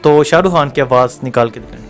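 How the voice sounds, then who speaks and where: A man's voice: mid-range voice, faint music behind. A man interviewing a guest and presenting to viewers in an upbeat, prompting way.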